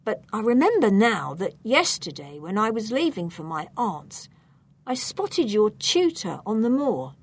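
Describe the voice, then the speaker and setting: A woman voicing a worried, loyal young male friend in a storybook reading, speaking low and subdued. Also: sing-song, measured pace, husky, heavily acted.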